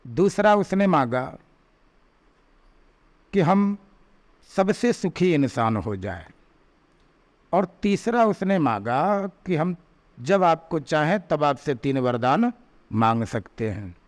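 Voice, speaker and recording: A man giving a devotional sermon, telling a story and slowing down to recite verses, with emphatic rising peaks. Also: fairly high pitch, sing-song. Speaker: spiritual preacher. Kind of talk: Hindi devotional discourse with storytelling.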